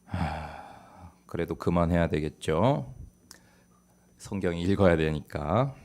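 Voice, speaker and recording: Middle-aged male pastor, sermon voice, quiet to rousing, earnest and exhorting. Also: expressive, slow. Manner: swings from hushed, low delivery to loud, exhorting peaks; earnest, urging, with light jokes. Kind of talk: Sunday sermon. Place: church sanctuary.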